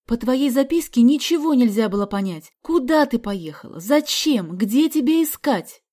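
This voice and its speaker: A woman voicing a worried mother who scolds her daughter in loud, exclaiming outbursts. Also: fairly high pitch, big pitch swings, fairly quick, pitched above the performer's own voice. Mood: upset scolding. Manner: exclaiming, reproachful. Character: anxious scolding mother, middle-aged woman.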